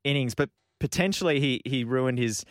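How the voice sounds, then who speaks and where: Clear-voiced, hesitant man. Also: medium pitch, moderate pace, dry recording, clean studio sound. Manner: hesitant, stammering restarts. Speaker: cricket podcast host. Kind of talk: casual sports chat.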